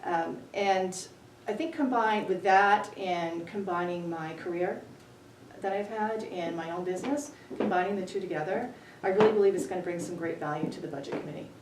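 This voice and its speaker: A woman in her forties from New Hampshire answers interview questions in an earnest, measured way. Her fairly low voice echoes around a library room and sits well back from the microphone. A faint hum runs under the recording. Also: recorded from a distance. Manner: earnest, measured, with many ums. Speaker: town budget committee candidate. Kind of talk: local candidate interview.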